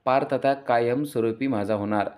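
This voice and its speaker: A man's voice: mid-range voice, moderate pace, a little mellow, close to an everyday voice. A man voicing a boastful, defensive young woman who plots to win a man. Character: hopeful, self-assured scheming young woman.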